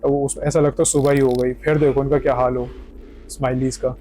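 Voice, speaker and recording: A young man from India giving casual gameplay commentary, excitable, repeating words in quick bursts and mixing English gaming slang into his talk. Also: mid-range voice, faint music behind. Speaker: gaming streamer.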